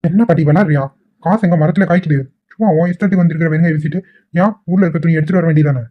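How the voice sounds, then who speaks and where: A grumbling young cartoon man, fed up with his grandmother and muttering under his breath, as a man voices him. He talks in a flat, even tone. The sound is tinny and phone-like. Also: a little high, very fast, close to an everyday voice. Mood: exasperated. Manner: muttering, exasperated. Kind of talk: dubbed cartoon dialogue.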